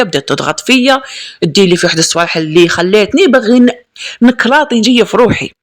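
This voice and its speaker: A young woman with an Algerian accent, telling a personal story in a lively, emphatic way and repeating words for stress. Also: medium pitch. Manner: lively and emphatic, with frequent repetitions. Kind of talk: casual spoken storytelling.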